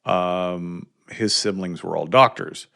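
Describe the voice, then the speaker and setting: A man with a very low, gravelly voice hosts an interview podcast. He talks in a loose, friendly, conversational way and pokes fun at himself. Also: slow pace, sharp tone. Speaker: podcast host. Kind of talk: casual interview chat.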